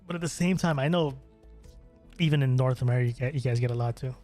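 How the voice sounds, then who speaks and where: A young Filipino man chats with his stream chat during a casual gameplay stream, answering questions fast in a mellow, mid-pitched voice. He loops back and restarts his sentences, and faint music plays underneath.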